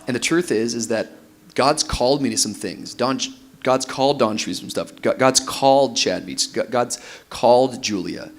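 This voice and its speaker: A man's voice: mid-range voice, normal speed. A man in his thirties, a pastor speaking on a conference stage panel, talking with energy and laughing as he mimics couples. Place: large room with audience on stage.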